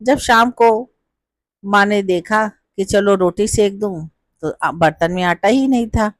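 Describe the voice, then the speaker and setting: A woman's voice: mid-range voice, slow, dry recording. A woman narrating a devotional folk tale in a plain, conversational manner. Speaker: storyteller.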